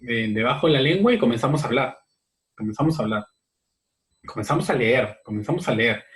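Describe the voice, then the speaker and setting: Man teaching a lesson, filler-heavy. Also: medium pitch. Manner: unscripted, full of fillers and tag questions; repeats phrases while explaining. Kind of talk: recorded class explanation.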